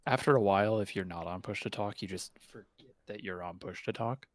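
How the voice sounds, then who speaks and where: This stream guest is a man with a lowish voice who talks a little fast, recorded with no room sound but heard through group voice chat. He chats casually, stammers through restarts and slips in puns.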